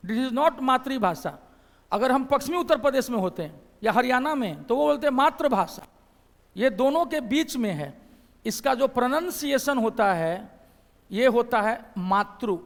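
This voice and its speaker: A man's voice: very high-pitched, animated, moderate pace, long reverb tail. A man from Bihar with a Bihari Hindi accent, teaching a classroom lecture. He explains step by step, repeats phrases and keeps asking his class questions.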